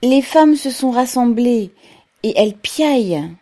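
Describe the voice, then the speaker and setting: A woman reading aloud, voicing an excited, breathless young male worker bringing urgent news. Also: on the high side, slow pace, pitched above the performer's own voice. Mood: agitated. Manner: agitated, urgent.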